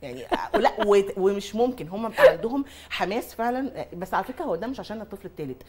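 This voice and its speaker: A woman with an Egyptian Arabic accent tells comic stories as a talk-show guest. She mimics other mothers and breaks into laughter often. She talks at a rapid clip in a mid-range voice. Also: mid-range voice, expressive, background noise. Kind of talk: comic casual chat.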